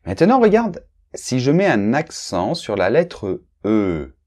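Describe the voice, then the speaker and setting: A man's voice: mid-range voice, huge pitch swings, slow pace, darkish tone. A man teaching a recorded lesson, speaking to the learner informally and patiently spelling out example words one by one. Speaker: French teacher.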